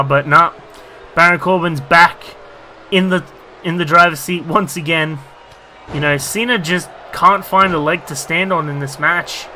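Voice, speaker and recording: Commentating a wrestling video game, this YouTuber rambles through excited play-by-play, packed with "you know" fillers and sudden jumps of excitement at big moves. His very bright, fairly high voice is a bit strained from too much talking, over a faint hiss.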